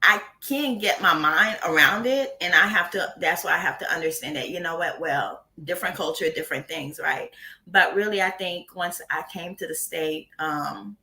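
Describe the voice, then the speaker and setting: A woman from Haiti talks candidly in a casual interview, blunt and quick to laugh. Her voice sits low but sounds bright and forward. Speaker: guest.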